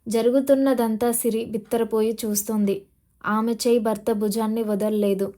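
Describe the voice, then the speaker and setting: Field: mellow woman storyteller. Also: fairly high pitch, level tone, normal speed. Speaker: narrator. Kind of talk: scripted narration of an audio novel.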